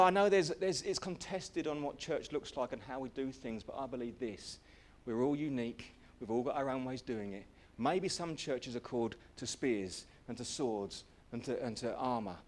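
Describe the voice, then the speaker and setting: Welsh male pastor, animated sermon storyteller, high and wildly expressive voice. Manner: animated, acts out voices, swings from hushed to shouting. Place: church hall.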